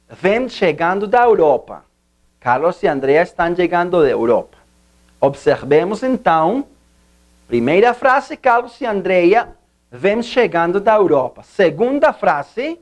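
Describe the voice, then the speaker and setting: A language teacher giving an online grammar lesson, patiently explaining and repeating points with rhetorical questions to viewers. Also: medium pitch.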